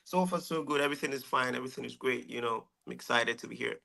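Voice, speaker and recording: Nigerian man, Nigerian accent, thirties, relaxed chatty guest, bright voice. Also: mid-range voice, fast talker, vocal fry. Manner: relaxed, chatty, laughs often. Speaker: guest musician. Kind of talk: casual radio interview.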